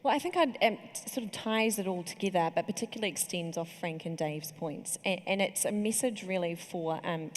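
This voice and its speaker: Panelist: lower-voiced woman, earnest with frequent ums, in a reverberant hall. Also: fairly quick, hardly any pauses. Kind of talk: panel discussion.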